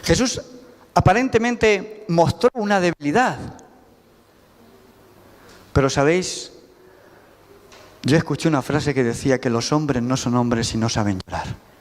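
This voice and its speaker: A man's voice: on the high side, animated, a little slow, pauses often. A man with a Spanish accent preaching a sermon, emphatic and putting rhetorical questions to the congregation. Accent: Spanish from Spain. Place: church sanctuary. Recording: reverberant church hall with faint music.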